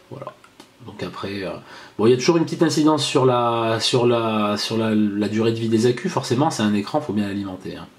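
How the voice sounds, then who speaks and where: A man giving a casual hands-on product review, chatty and halting with frequent fillers and restarts. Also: fairly low pitch.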